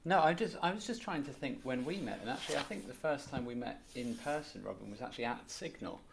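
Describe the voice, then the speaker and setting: Soft-spoken, quick-talking man. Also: mid-range voice, animated, gravelly, background noise. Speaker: musical theatre performer and co-creator. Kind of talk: casual chat.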